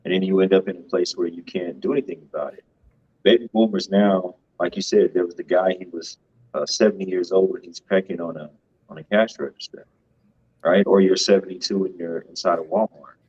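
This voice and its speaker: A man with a deep, husky voice talks through money matters in a casual, emphatic way, often ending a point with "right?". The recording sounds dull and lo-fi. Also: fairly quick, a little mellow. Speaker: co-host of a finance show. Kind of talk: casual financial commentary.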